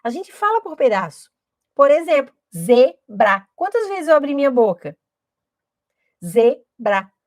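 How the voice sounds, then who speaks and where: A woman's voice: high voice, sing-song, brisk, no echo, studio quality. A woman explains teaching steps in a didactic manner, often checking in with her listeners. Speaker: literacy educator.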